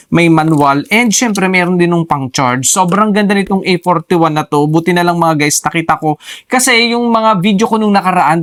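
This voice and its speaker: A man doing an excited product review vlog, addressing viewers over and over as he shows off a clip-on wireless microphone. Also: high voice, dry recording, studio quality. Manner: excited, repeats "mga guys" often. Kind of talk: enthusiastic unboxing vlog. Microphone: clip-on wireless lapel mic.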